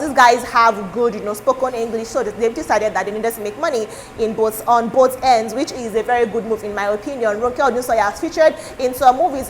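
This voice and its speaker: A woman's voice: on the high side, a little hiss or hum, low-quality recording. Chatty Nigerian woman gossip host. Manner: chatty, animated when quoting people. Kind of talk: casual celebrity gossip to camera. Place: studio. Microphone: lapel mic.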